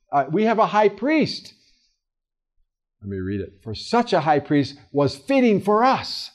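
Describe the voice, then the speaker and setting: A man teaching a Bible study in a casual, earnest way, with fillers and restarts, swinging from loud emphasis to soft, quiet asides. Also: a little high. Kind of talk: conversational Bible study talk.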